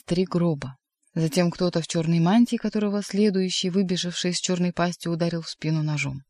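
A narrator giving a measured, expressive reading of a literary audiobook. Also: mid-range voice, dry recording, studio quality.

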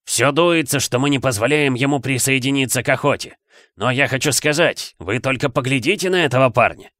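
A man's voice: fairly quick, a bit bright, dry recording, studio quality, close to an everyday voice. A man voicing a boisterous, jeering headless male ghost hunter in an audiobook reading. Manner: booming, jeering.

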